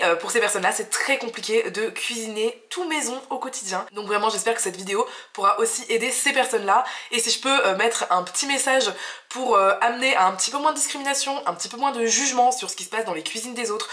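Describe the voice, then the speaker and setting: A young woman with a fairly high voice talks through a recipe in her home kitchen. She sounds chatty and enthusiastic, explaining each step as she goes. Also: fairly bright tone. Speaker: cooking channel host. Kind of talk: casual cooking vlog narration.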